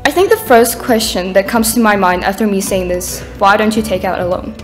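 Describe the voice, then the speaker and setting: With a mid-range, brisk voice and faint music behind her, a Ukrainian teen girl reads an earnest prepared speech from her notes. She speaks as a student on a conference stage in a dark hall, growing more intense near the close.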